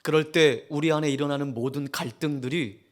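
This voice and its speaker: A male pastor preaching a sermon in a church, telling exaggerated humorous stories in an animated way. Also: on the high side, brisk. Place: church sanctuary.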